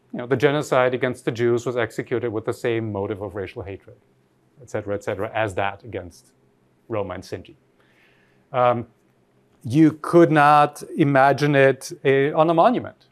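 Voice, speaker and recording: A man from Austria giving an academic lecture, reflective and posing rhetorical questions to his audience. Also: medium pitch.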